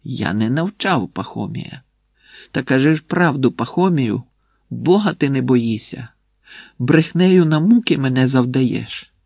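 A man's voice: mid-range voice, expressive, a little slow, creaky, a little mellow, husky, dry recording, exaggerated voice. A man doing a tortured, defiant male prisoner. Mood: pleading. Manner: pleading, crying out in pain.

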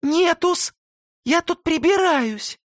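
A man reading an audiobook, putting on a squeaky falsetto to pass as a simple, servile young hotel maid. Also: lively intonation, dry recording, exaggerated voice. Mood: shrill, servile. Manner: drawn-out, servile speech. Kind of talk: audiobook character voice.

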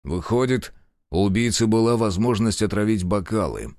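A man's voice: on the low side, lively intonation, normal speed, a little mellow, no echo, clean studio sound, lightly acted. A man voicing a stern male police official who barks orders and questions curtly, in an audiobook. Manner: barking orders, curt questioning.

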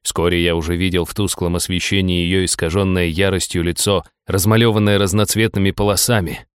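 A man narrating a first-person audiobook story in a steady, even storytelling manner. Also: deep voice, fairly quick, smooth, dry recording, clean studio sound.

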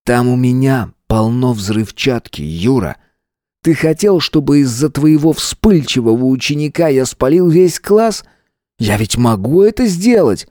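Man doing a callous gunman, mocking, menacing, slow and raised, dry close sound. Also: mid-range voice, lively intonation, dark tone, dry recording, pitched above the performer's own voice, natural voice. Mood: cold threat. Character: cold menacing young male school shooter.

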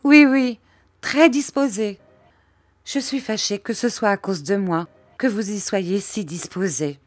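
A woman's voice: medium pitch, measured pace, no room sound, pitched above the performer's own voice, natural voice. A woman voicing a gloomy, self-pitying old widow who whines and complains tearfully. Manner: plaintive, whining.

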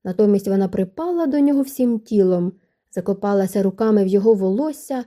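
Brief: woman narrator, calm measured audiobook reading, deep mellow timbre. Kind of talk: scripted narration of a romance novel.

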